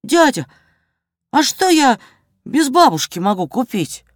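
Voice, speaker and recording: A woman voicing an excited little boy in a storybook reading, breathless and high, words tumbling out with eagerness. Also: a little slow, no room sound, studio quality, full character voice.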